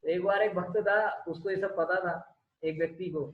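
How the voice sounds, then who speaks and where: A man giving a lively devotional scripture talk, often asking his listeners rhetorical questions. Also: high voice, normal speed. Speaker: spiritual lecturer. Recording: echoey dull room recording.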